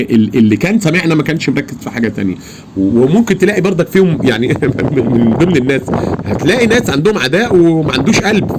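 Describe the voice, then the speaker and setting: Egyptian guy telling what he saw, super quick, gets loud and emphatic, cars going by in the background. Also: mid-range voice, heavy background noise. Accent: Egyptian Arabic. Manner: animated, emphatic, acts out his own shouts. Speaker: eyewitness storyteller. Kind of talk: casual personal storytelling.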